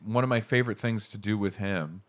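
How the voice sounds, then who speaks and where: A man's voice: fairly low pitch, brisk. A man co-hosting a comedy podcast, rambling and playful in casual banter. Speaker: podcast co-host.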